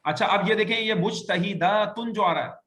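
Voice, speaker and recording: A man teaching an Arabic grammar class, patiently repeating sentences slowly and correcting his students. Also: high voice, roomy sound, noisy background.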